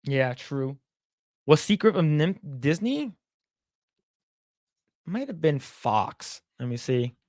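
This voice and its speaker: A young man co-hosts a podcast, rambling through casual chat bluntly and swearing offhandedly. His slightly high, darkish voice is very animated but slow, with frequent pauses, captured in studio quality with no echo.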